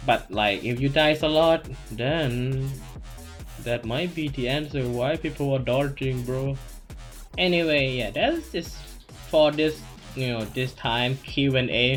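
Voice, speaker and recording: Fairly high and fairly bright, his voice carries a thick Thai accent. He's a gaming channel host rambling through a casual Q&A over gameplay, constantly restarting and saying "you know."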